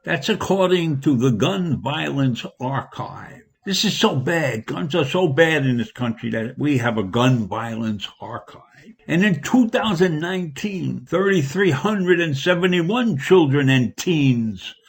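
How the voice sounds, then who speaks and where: Indignant husky-voiced man commentator. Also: animated, unhurried, hardly any pauses. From United States. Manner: indignant, rising pitch on emphasis. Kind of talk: opinion monologue.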